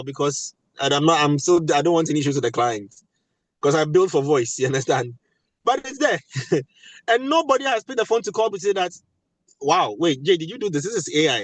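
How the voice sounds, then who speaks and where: A man's voice: sits high, no room sound, low-quality recording. A man with a West African, Ghanaian accent talking emphatically at a webinar, repeating key phrases for weight. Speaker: voice actor and audio producer speaking at a webinar. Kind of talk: animated panel talk.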